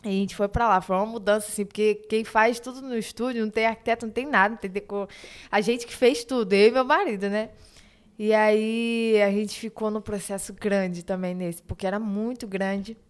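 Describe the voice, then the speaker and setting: A woman's voice: mid-range voice, fairly even intonation, a little fast, clean tone. A young Brazilian woman with a Brazilian Portuguese accent, telling a long personal story on a church podcast and quoting others in dialogue. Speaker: guest, eyebrow studio owner. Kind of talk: casual podcast chat.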